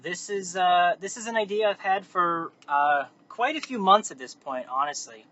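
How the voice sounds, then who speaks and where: Inside his car, a man hosts a meandering, unscripted monologue in a casual, self-correcting way, recording it on his phone as he drives. His voice sits high and sounds pushed and bright, expressive at a moderate pace. Faint road noise runs under the muffled recording.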